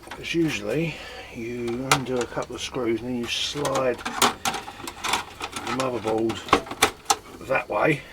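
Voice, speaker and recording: A man's voice: medium pitch, measured pace, pauses often, heavy background noise. A man chatting casually and mocking himself as he strips old computer parts for scrap in his garage. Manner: chatty, self-mocking, muttering while working. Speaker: scrapping vlogger. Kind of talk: casual chat while working.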